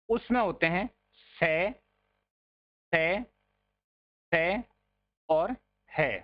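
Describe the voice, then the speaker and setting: Male teacher for a grammar lesson, slow and steady delivery, repeats words for drills, muffled lo-fi recording. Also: high-pitched. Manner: addresses listeners as friends.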